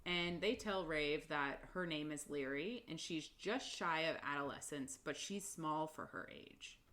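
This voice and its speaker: A woman with a low-pitched, fairly bright voice co-hosts a casual book podcast, speaking unhurriedly as she retells chapters. She's chatty, laughs often and uses lots of "like" and "um."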